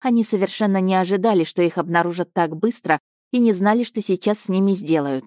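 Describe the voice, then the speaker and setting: A woman narrating a children's storybook audiobook in an even, measured way, close to the mic. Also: medium pitch, dry recording.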